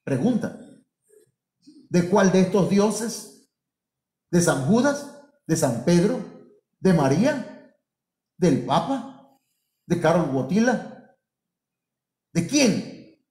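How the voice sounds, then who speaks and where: A man's voice: high voice, very animated, drawn-out words, long pauses, darkish tone, echoey room. A man, a pastor, preaching a sermon full of rhetorical questions and acted-out quotes.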